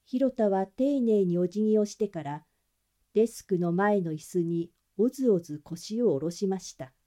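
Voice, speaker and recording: A woman narrating a classic detective novel in a gentle, even storytelling voice. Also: mid-range voice, normal speed. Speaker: audiobook narrator.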